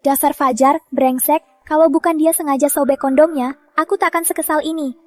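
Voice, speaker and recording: A woman's voice: sits high, steady tone, fairly quick, a little mellow, dry recording, close to an everyday voice. An actress dubbing a spoiled, scheming young woman who grumbles bitterly to herself. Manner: petulant, bitter inner grumbling. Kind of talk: dubbed short-drama acting.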